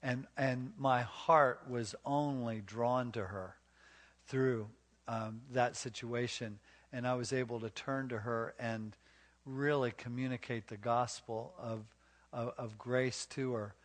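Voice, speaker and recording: A man's voice: mid-range voice, steady tone, slow. Folksy storytelling preacher man. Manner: folksy storytelling with many restarts, asks the crowd questions. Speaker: pastor. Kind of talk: marriage sermon to a live congregation.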